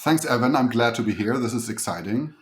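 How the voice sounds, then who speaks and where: A man's voice: mid-range voice, expressive, a little fast. Middle-aged man with a German accent. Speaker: podcast guest, engineer and investor. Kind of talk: conversational interview answers.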